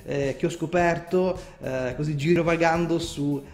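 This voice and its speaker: A man's voice: fairly high pitch, fairly even intonation, measured pace, roomy sound. A man with an Italian accent hosting a casual video call interview, hesitating often with filler sounds. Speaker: host.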